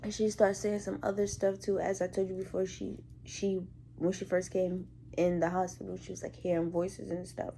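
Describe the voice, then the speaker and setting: Animated young woman telling a story. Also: lowish voice, normal speed, creaky, slight background noise. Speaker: hospital care worker. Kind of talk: casual story-time vlog.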